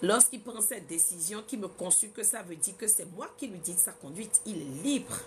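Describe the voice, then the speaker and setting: A woman speaking at a church women's gathering, giving an animated testimony that acts out quoted dialogue and puts questions straight to the audience. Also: mid-range voice, normal speed, background noise.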